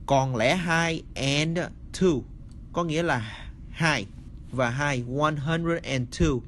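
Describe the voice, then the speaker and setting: Slow, bright-voiced male English teacher. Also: on the high side, a little hiss or hum. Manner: slow, repeats words, addresses viewers as friends. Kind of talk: casual spoken lesson.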